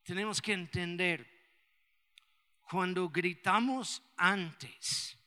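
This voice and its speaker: A pastor from the United States, preaching a sermon and rising to shouts for emphasis. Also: male voice, sits high, fairly even intonation, drawn-out words. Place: church. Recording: long church hall reverb.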